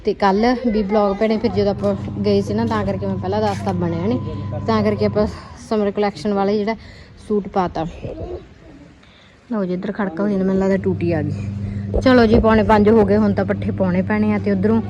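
A woman's voice: mid-range voice, fairly even intonation, a little fast, muffled recording. A woman chatting casually in a home vlog, giving a running commentary on her household chores. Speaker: family vlogger and mother. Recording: noisy home recording with clicks.

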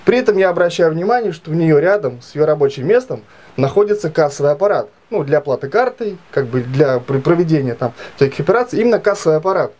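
A man in his late thirties telling a grievance story to camera in a halting, filler-heavy way. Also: fairly high pitch, animated, darkish tone. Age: 30s. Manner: halting, many fillers and restarts, aggrieved retelling. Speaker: vlogger. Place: small indoor room.

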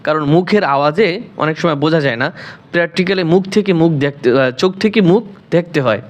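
A man teaching Quran reading in a slow, spelled-out lesson, drilling letters syllable by syllable and asking and answering his own questions. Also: on the high side. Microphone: voice-over, face not shown.

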